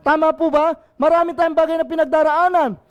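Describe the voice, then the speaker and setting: A man's voice: very high-pitched, steady tone, fairly quick, muffled recording. A male pastor from the Philippines with a Filipino accent, preaching an impassioned sermon and often asking the congregation for an amen.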